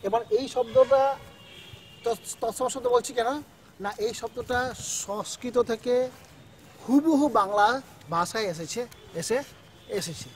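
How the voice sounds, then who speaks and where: High-voiced male teacher. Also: measured pace, long pauses, a little hiss or hum. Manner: explains step by step, checks in with "ঠিক আছে?". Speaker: school teacher. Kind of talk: classroom grammar lesson.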